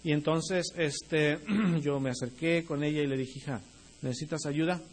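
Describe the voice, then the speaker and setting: A man's voice: on the high side, fairly even intonation, normal speed, slight background noise. A young adult male pastor preaching a sermon, speaking directly to the congregation and rising into emphatic bursts.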